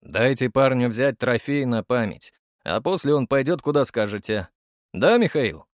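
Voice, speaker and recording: A man's voice: mid-range voice, big pitch swings, normal speed, a little mellow, no echo. Male narrator as steely showman curator, commanding, close dry sound. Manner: theatrical, commanding.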